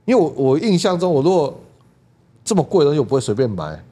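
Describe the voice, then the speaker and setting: A man with a Taiwanese Mandarin accent chats fast in a casual podcast, his voice sitting a little high. He tells a story animatedly, jumping up into high exclaims. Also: big pitch swings, warm tone, slightly rough. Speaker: podcast host.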